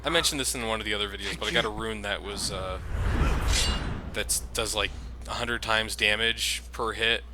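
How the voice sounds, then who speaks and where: A man hosts a let's play, his fairly low voice at normal speed over background noise. He's relaxed and rambling, filling his casual gameplay commentary with lots of fillers.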